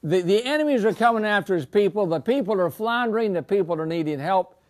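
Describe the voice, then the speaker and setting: An older man teaching a scripture class, asking the students questions and repeating words as he gets excited. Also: high voice, fast.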